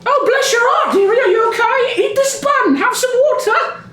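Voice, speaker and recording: Brief: man playing a sweet old bun-selling granny, high, sing-song, doting, in an echoey room. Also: moderate pace, sharp tone. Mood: fussing. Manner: doting, calls everyone dearie. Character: kindly fussing old woman bun seller. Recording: echoey room, faint background noise.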